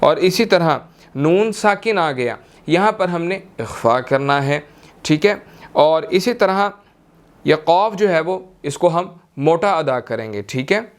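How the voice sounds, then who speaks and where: A male Quran teacher walks through recitation rules at an unhurried pace. His voice sits a little high, and he patiently repeats each verse, checking in often. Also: lively intonation. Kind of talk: slow step-by-step recitation lesson.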